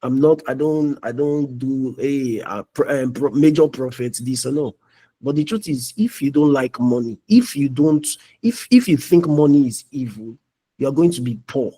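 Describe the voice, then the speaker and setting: A man's voice: mid-range voice, normal speed, dark tone, breathy edge. A young man giving a preachy motivational talk as a mentor in a live online meeting, often asking "you understand?".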